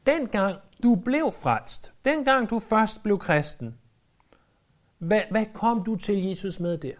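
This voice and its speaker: A man's voice: high voice, lively intonation. A man preaching a sermon in an earnest, emphatic way, repeating key phrases for weight.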